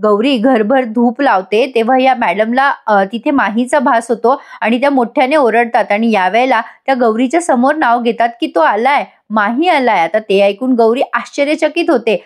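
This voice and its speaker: A woman's voice: on the high side, moderate pace, few pauses. A woman narrating a casual voice-over recap of a TV serial episode, retelling the scenes and voicing the characters' quoted lines, with a Marathi accent.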